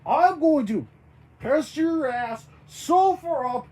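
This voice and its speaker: A raging, foul-mouthed man , as a storyteller puts him on, hollers threats in a raised, strained voice. He trips over his words mid-rant, and his pitch swings widely while he speaks slowly. It sounds like a homemade audio story. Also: lively intonation, poor audio. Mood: furious. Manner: shouting, stumbling over words.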